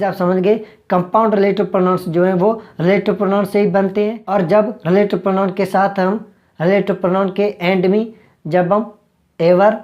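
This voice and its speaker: Slow, repetitive woman grammar teacher. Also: lowish voice, a little mellow. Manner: slow and repetitive, restating each point several times. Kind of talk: explanatory online grammar lesson.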